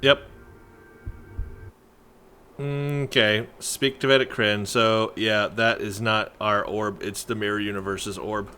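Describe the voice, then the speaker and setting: A man's voice: on the low side, steady tone, slow pace, long pauses, bright, forceful tone, smooth, faint music behind. A man giving casual, jokey commentary while playing a video game and reading text aloud. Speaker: gameplay commentator. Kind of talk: casual let's play commentary.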